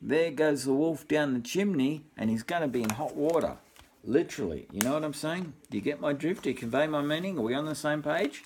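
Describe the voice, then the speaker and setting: This older Australian man's voice is a little high and brisk, with slight background noise behind it. Reading a storybook to a grandchild at bedtime, he wanders into repetitive jokes and deadpan side comments. He's somewhere in his sixties or beyond.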